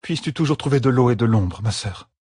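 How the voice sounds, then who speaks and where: A man's voice: medium pitch, expressive, fast talker, darkish tone, breathy edge, dry recording, studio quality, pitched above the performer's own voice. A man reading an audiobook, voicing a dignified young warrior woman with a formal, ceremonious way of speaking. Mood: solemn.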